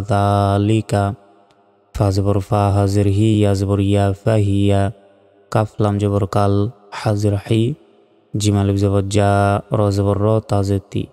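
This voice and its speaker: A man teaches Quran reading, spelling each letter carefully before chanting the verse slowly. His voice is low, mellow and smooth. It echoes with a long reverb over faint music. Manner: slow, careful letter-by-letter spelling with drawn-out recitation.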